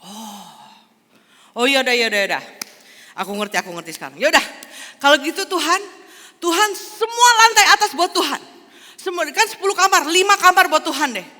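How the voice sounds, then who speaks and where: A woman preacher voicing an excitable homeowner man in a sermon story, with loud, shrill exclamations. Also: brisk, long pauses, in a large hall, heavily acted. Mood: placating. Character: excitable homeowner man, eager then indignant.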